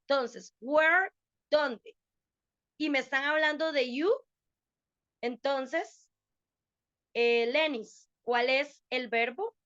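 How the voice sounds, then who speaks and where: A woman's voice: sits high, extremely slow, pauses often, a bit bright, no room sound, dull audio. A woman teaching an online English class to adults, patiently explaining and checking understanding.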